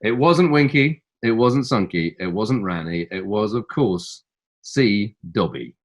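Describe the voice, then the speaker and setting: A man's voice: on the low side, animated, unhurried. A middle-aged man co-hosting a quiz, reading answer options with teasing relish. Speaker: quiz co-host.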